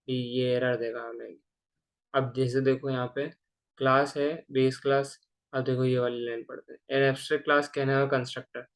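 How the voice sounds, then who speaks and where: A man giving a casual programming lecture, explaining step by step and often checking in with the listener. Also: mid-range voice. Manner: conversational, keeps asking "ठीक है ना?". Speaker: programming teacher. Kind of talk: casual screen-recorded coding lecture.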